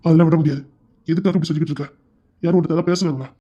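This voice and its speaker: A performer voicing a protective young village man who teases his sweetheart and orders her around in a quick, playful way in an audio love drama. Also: medium pitch, fairly even intonation, dark tone, breathy edge, muffled recording, natural voice. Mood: firm.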